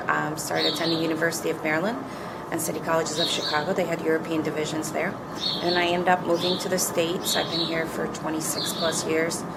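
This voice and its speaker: Through heavy background noise comes a low-sitting, creaky voice: a woman in her fifties from Turkey who co-founded a coffee company. She answers questions earnestly and reflectively, restarting her sentences often.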